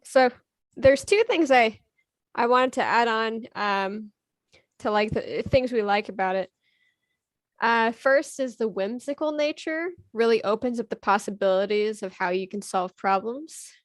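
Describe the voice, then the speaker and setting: A woman sharing her thoughts in a casual group discussion, thoughtful and filling pauses with ums. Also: a little high, animated, no room sound. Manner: thoughtful, many fillers.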